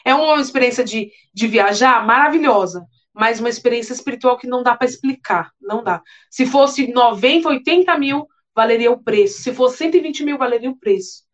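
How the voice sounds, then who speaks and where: A young adult woman preaching, telling a personal testimony in an earnest, animated way with many repetitions. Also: fairly high pitch, brisk, few pauses. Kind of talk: emotional testimony sermon. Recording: dull lo-fi sound.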